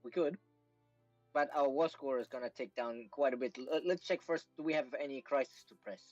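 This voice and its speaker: A man's voice: mid-range voice, fairly quick, a little mellow, no room sound, muffled recording, soft background music. A man co-hosting a live game stream, explaining strategy in a dry, wry way over a remote call mic. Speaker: co-host giving strategy advice. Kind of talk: casual live-stream commentary.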